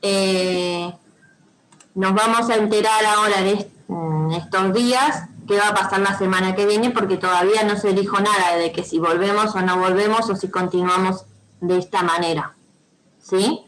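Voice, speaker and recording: A woman's voice: medium pitch, steady tone, normal speed, a bit bright, a little hiss or hum, rough recording. A woman teacher with a Rioplatense Spanish accent giving patient step-by-step instructions to pupils on a video call, checking often that they follow. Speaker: primary school teacher. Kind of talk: online class instruction.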